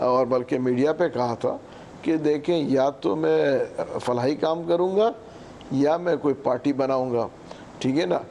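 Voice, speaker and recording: An older man in his sixties with a Pakistani Urdu accent answers in halting, restarting sentences and often clears his throat. His voice is dark and sits fairly high, with a faint low rumble behind it. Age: 60s. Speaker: politician guest. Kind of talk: hesitant interview answers.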